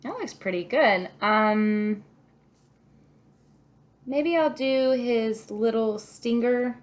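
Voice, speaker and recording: Speaking very slowly in a slightly high voice, a woman who teaches kindergarten walks little kids through a craft step by step. She is encouraging, thinks out loud, and puts questions to her listener.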